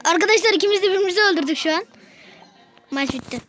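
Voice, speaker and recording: Female gamer, very high-pitched voice, excitable, frustrated outbursts, casual gameplay commentary. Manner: excitable, quick frustrated outbursts, keeps addressing viewers. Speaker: gaming video host.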